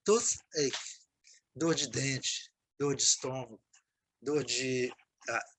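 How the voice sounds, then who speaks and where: A Brazilian English teacher with a Brazilian Portuguese accent records a video lesson on English vocabulary, his medium-pitched voice slow, a bit bright and husky over poor audio. He explains patiently, repeats words, and keeps checking in with students, often asking "né, gente?"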